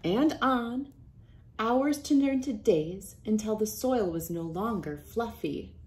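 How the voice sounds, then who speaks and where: A woman in her thirties reads a children's storybook aloud in a small wood-panelled room indoors. Her slightly high voice is expressive and deliberate, slow-paced with very varied intonation.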